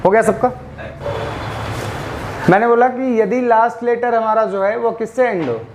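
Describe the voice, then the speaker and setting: A man teaches English grammar in a high-pitched voice. He spells endings out letter by letter and slows down on them. He keeps asking the class questions and answering them himself. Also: dull audio, background noise. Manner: spells out letters slowly, stresses pronunciation. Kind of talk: classroom lecture.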